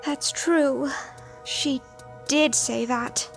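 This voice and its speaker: A very high, airy-voiced posh unicorn mare, as a woman plays her, prim and dramatic with refined theatrical diction. Game music plays clearly behind her. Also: steady tone, very slow, heavily acted. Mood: refined worry. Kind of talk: fan voice acting of a game.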